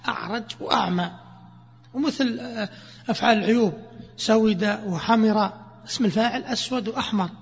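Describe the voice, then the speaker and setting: A man teaching Arabic grammar, asking questions and answering them himself while repeating examples slowly. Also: sits high, vocal fry, slightly rough. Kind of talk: classroom explanation of grammar. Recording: echoey, dull lo-fi lesson recording.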